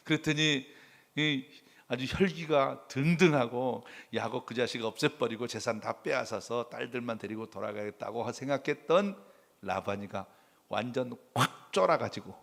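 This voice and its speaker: A man's voice: mid-range voice, normal speed, vocal fry, a bit bright. A male pastor preaching a sermon in a colloquial, dramatic storytelling manner.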